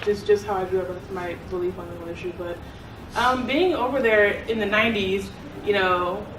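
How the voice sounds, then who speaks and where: A young woman who grew up in South Korea, serving as a club secretary, chats casually as an interviewee, laughing often and restarting sentences. Her mid-range voice moves a little fast, captured by a distant mic in an echoey, noisy room.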